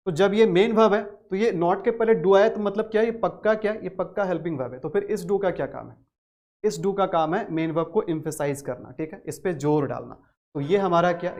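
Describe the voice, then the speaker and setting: A man's voice: high-pitched, a little mellow. A man with a Hindi accent teaching a spoken English grammar lesson, repeating key phrases and stressing words hard.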